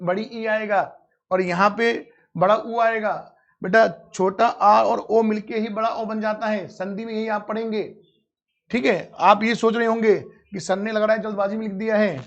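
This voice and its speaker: This man has a high voice and runs a live online grammar class, calling students "beta" and supplying answers to his own questions. Audio is dull lo-fi.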